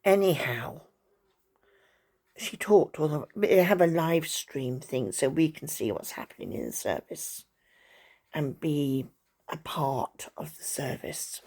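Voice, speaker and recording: A woman's voice: low-pitched, lively intonation, takes it slowly, creaky, a little mellow, slightly rough. An older woman chatting at home to her viewers, rambling through a story with asides to her dog. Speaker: vlogger. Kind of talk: casual chat to camera. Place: at home, indoors.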